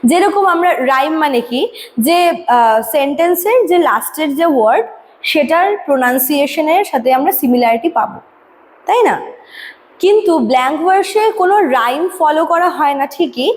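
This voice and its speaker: A young Bengali woman teaching a recorded lecture. She explains at length, checks understanding often, and reads definitions slowly. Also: high voice, expressive. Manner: explanatory, asks "ঠিক আছে?" to check understanding. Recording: long reverb, faint noise.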